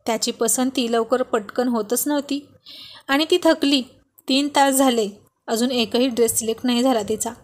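High-voiced woman narrating a romance story. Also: moderate pace. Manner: steady narration, mixing English words. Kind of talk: reading a romance story aloud.

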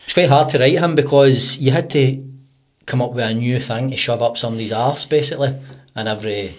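A man with a broad Glaswegian Scots accent and a husky voice, telling comic anecdotes in casual, sweary slang on a close studio mic. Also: mid-range voice, brisk. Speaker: podcast guest, comedy writer and actor. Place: small podcast studio. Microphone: close studio condenser on arm.

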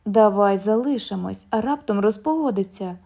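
A woman voicing a stubborn husband eager for one last swim, who later shouts in alarm. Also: mid-range voice, moderate pace, creaky. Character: man on a beach, stubborn, restless to swim.

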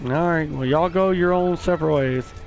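A man giving casual let's-play commentary, excitable and swearing, chatting to the creatures on screen. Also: a little high, normal speed, creaky, soft background music, rough recording. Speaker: gameplay streamer.

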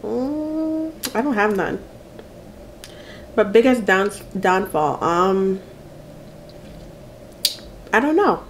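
A woman's voice: mid-range voice, animated, very slow, pauses often, a little hiss or hum. A woman, chatting playfully and laughing often as she answers get-to-know-me questions while eating. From Jamaica. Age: 30s. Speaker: mukbang vlogger.

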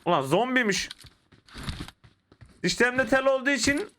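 Excitable young man with a lisp. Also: very high voice, moderate pace, a little hiss or hum. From Turkey. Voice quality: slight lisp from dental braces. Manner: excitable, exclaiming at the action. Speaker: mobile game streamer. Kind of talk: casual gameplay commentary. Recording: gameplay audio and gunfire behind.

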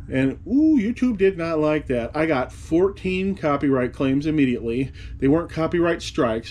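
A man in his forties, a reseller vlogger, talks casually to the camera in front of him from behind a desk in a cluttered room. His voice sits on the high side and is a little mellow, and his manner is chatty and wry, full of rambling asides.

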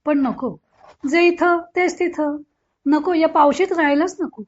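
A woman narrating a novel as an audiobook, in a measured, expressive reading. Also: high-pitched. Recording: dull lo-fi recording.

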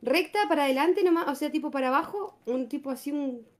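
A young Argentine woman with a high voice streams a puzzle game in casual chat. She keeps giving her partner pointed instructions, bossy and quick to correct. Her Argentine accent colors every phrase. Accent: Argentine Spanish.

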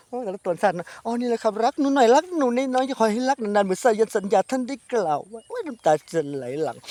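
A man's voice: very high-pitched, darkish tone, no echo. A man with an Isan Thai accent, vlogging outdoors in a grassy field with rambling, crude, self-mocking jokes. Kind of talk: joking outdoor vlog banter.

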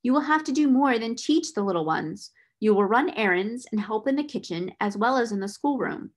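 A woman voicing a stern, domineering middle-aged schoolmistress with a sharp, scolding, imperious manner in a storybook reading. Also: mid-range voice, unhurried. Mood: curt, commanding.

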